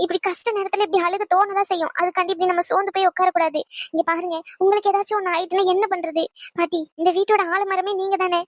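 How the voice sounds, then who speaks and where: Woman doing a squeaky fast young woman in a cartoon, bossy but comforting. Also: steady tone, no echo, clean studio sound. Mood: coaxing. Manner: scolding, reassuring.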